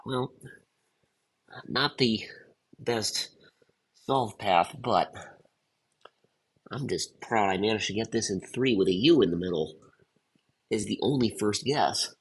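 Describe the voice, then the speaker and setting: Husky, creaky-voiced man, under the weather. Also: fairly low pitch, takes it slowly, pauses often, rough recording. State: under the weather, sick with a cough. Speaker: host of a daily word puzzle video. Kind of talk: casual thinking-aloud puzzle commentary.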